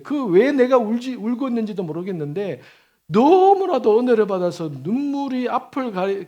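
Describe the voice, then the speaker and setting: Male pastor, fifties, sermon, lively rising and falling pitch, storytelling, emphatic. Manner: storytelling with lively acted quotes and laughter; emphatic, animated preaching.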